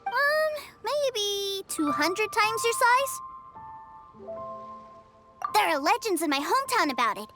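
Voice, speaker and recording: A woman playing an innocent, excitable little boy who adores his big brother, in a game. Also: very high voice, slow, pauses often, heavily acted. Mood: earnest, proud. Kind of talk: animated game voice acting. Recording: music playing behind the voice.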